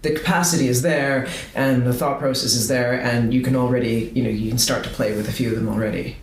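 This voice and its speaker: A podcast guest with a medium-pitched, steady voice talks quickly in casual conversation, chatty and thinking aloud. The sound is roomy, with faint background noise.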